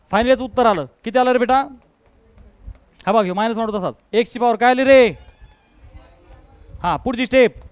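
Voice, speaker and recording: Brief: high-voiced male math teacher, bossy classroom drill, joking asides. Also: slight background noise, poor audio. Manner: scolding, drills students to answer loudly; joking, mixes English math terms. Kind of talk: classroom lecture.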